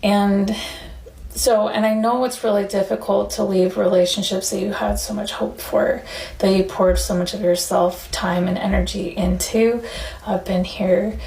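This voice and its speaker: A woman's voice: mid-range voice, level tone, unhurried, creaky, darkish tone. A woman giving an earnest, encouraging tarot reading, with frequent fillers, recorded in an echoey room. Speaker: tarot reader. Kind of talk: pick-a-card tarot reading. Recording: echoey room, faint background hiss.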